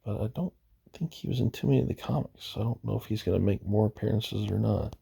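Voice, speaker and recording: Deep gravelly man, rambling game talk. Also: fast talker, warm tone. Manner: rambling, hesitant, self-correcting. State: losing his voice. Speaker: gaming video host. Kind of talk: casual gameplay commentary.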